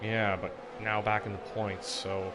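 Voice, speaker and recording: A man's voice: lowish voice, flat delivery, a little slow, music in the background. A man doing live, casually phrased motorsport commentary on an online race as the lead commentator. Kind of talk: live sim racing commentary.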